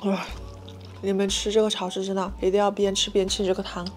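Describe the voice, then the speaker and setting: A woman's voice: mid-range voice, completely flat delivery, brisk, over music. A young woman food vlogger giving casual, enthusiastic and emphatic commentary as she eats in a small room. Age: young adult. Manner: enthusiastic, emphatic with repeated words; talks while eating.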